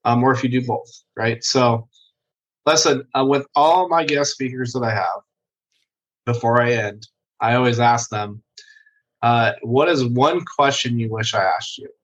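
A man's voice: medium pitch, measured pace, a bit bright, low-quality recording. A man hosting a podcast interview, enthusiastic and casual with his guest. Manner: enthusiastic, calls guest brother and dude. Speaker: podcast host.

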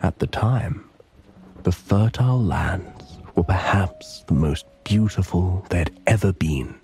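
A man narrating a sleep story in a soothing, hushed, often breathy delivery, guiding the listener into relaxation. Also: low voice, expressive, takes it slowly. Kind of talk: slow guided relaxation and bedtime story narration.

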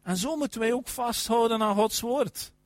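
A man preaching a sermon, emphatic, often affirming with "ja" and swinging between loud and soft. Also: very high-pitched, normal speed, no echo.

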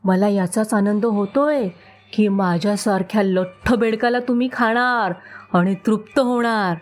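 A woman's voice: mid-range voice, unhurried, faint music behind, natural voice. A woman playing a sly giggling frog. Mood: teasing. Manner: cheeky, giggling, teasing. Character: sly fat frog, cheerful trickster.

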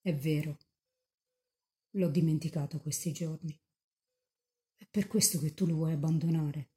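A woman's voice: sits low, fairly even intonation, measured pace, dark tone. A woman reading aloud the words of a young woman mystic in rapture, pleading tenderly and fervently with Mary.

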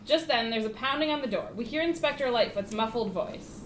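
A woman's voice: on the high side, lively intonation, a little fast. Woman narrating a script read, casual and amused, echoey room with faint noise. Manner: casual, amused, occasional stumbles. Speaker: narrator reading stage directions.

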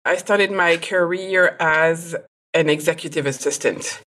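A woman's voice: lowish voice, a little slow, fairly bright tone. A woman from France, a photographer and podcast guest, who talks in a chatty way and laughs often. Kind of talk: podcast interview.

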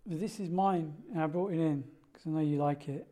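A man's voice: on the high side, fairly quick, mellow. Light-voiced male music therapist. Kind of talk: explaining his work.

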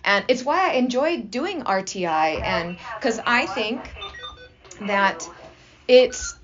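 This is a woman drama teacher talking eagerly in a casual interview. Her voice sits a little high, and she tumbles through her thoughts with restarts. The recording is slightly muffled and lo-fi. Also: lively intonation, takes it slowly, crowd noise. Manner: enthusiastic, talkative, many restarts. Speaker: high school drama teacher and assistant principal.

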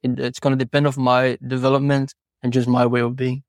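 A man who isn't a native English speaker, a horse trainer appearing as a podcast guest, talks reflectively and earnestly, explaining ideas through personal stories and rhetorical questions. His voice sits at medium pitch with little pitch movement, and his pace is brisk. The studio recording is clean, with no echo.

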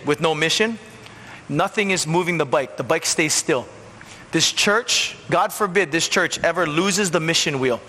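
Bright-voiced pastor man in reverberant church. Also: a little high. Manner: conversational, acts out quick dialogues. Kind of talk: sermon. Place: church sanctuary. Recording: long church reverb, faint noise.

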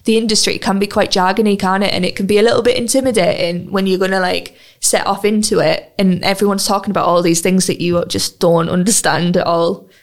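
A woman's voice: medium pitch, fairly even intonation, fairly quick. Chatty, giggly woman podcast host. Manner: chatty and giggly, many filler words. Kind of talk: casual chat.

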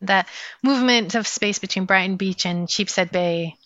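A woman's voice: medium pitch, normal speed, fairly bright tone, no echo. Reflective woman poet, dry dull recording. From Afghanistan. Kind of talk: personal interview. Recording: dry, slightly dull sound.

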